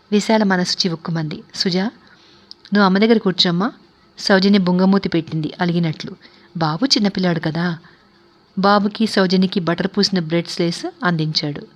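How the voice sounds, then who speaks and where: A woman storyteller giving a measured, expressive scripted narration of a novel. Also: lowish voice, dull audio.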